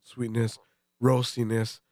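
A man's voice: medium pitch, completely flat delivery, slow, a little mellow, dry recording, clean studio sound. Stuffy-nosed man joking through a beer tasting. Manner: profane, joking, laughs often. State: stuffy, congested. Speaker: podcast co-host. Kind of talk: casual beer-tasting chat.

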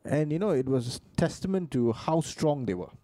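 Casual podcast host, male, Singaporean with Singlish phrasing, slightly high mellow voice, joking around. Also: animated, moderate pace, no room sound. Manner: speaks colloquial Singlish with particles like lah and ah. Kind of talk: casual joking group chat.

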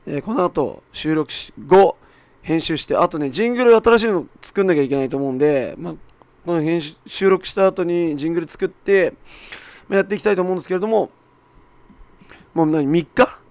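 A man with a hoarse, raspy, worn-out voice talks casually and self-deprecatingly on his own as a podcast host. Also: a little high, no echo. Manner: self-deprecating, apologetic, with mock-quoted asides. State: hoarse, worn-out voice from shouting at an event. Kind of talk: casual solo podcast monologue.

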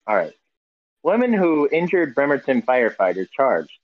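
A man co-hosting a casual podcast over a video call, reading out news headlines in a halting way full of fillers and self-corrections while his audio breaks up. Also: medium pitch, very animated. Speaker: podcast co-host. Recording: dull, muffled call audio.

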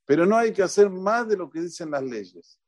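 A man's voice: high-pitched, moderate pace, no room sound. A man with an Argentine Spanish accent giving an informal Torah talk as a rabbi in a synagogue, joking, quizzing the congregation and repeating points for emphasis. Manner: lively, jokey, questions the audience, repeats for emphasis.

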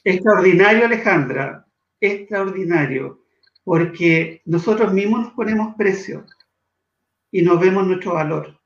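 A man from Chile, a guest in an interview, speaking in an earnest, measured way that slows for emphasis. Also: high voice, reverberant, muffled recording. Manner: earnest, measured, shifts between slow emphasis and quick asides. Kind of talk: reflective interview talk.

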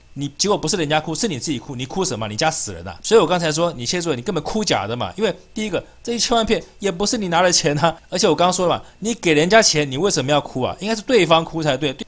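Fast, scornful man. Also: mid-range voice. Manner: sarcastic, scornful, rising to heated outbursts. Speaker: political commentator. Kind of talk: mocking political monologue.

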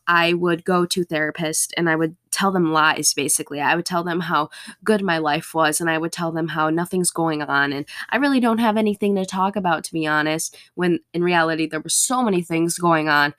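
A woman's voice: deep voice, steady tone, moderate pace, fairly bright tone. A young woman hosting a casual solo podcast, speaking candidly, her voice a little thick and throaty, as if getting over swollen tonsils or a sore throat. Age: young adult. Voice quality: slightly altered voice after a bad sore throat, thick and throaty. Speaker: podcast host.

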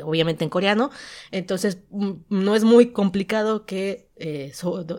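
A Mexican woman hosting a podcast, casually retelling a story in a chatty way and often pausing to search for the right word. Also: on the low side, a little mellow. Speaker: podcast host and novelist.

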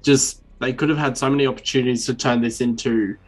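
A man's voice: mid-range voice, steady tone, fast. A man co-hosting a film podcast in casual chat, rambling and swearing, acting out the people he quotes. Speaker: podcast co-host.

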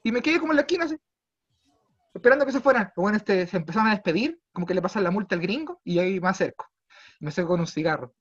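A young Chilean man with a Chilean accent telling a comedic story casually, swearing freely and swinging between low mutters and loud exclaims. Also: sing-song, rapid-fire. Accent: Chilean Spanish. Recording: slightly dull lo-fi sound.

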